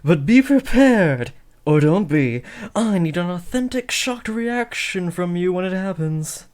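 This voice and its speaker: Playing a hesitant would-be teenage supervillain in a comedic audio roleplay, a young man sounds earnest, awkward, and awkwardly reassuring, frequently correcting himself. His delivery is high-pitched, animated, and unhurried, with a darkish tone.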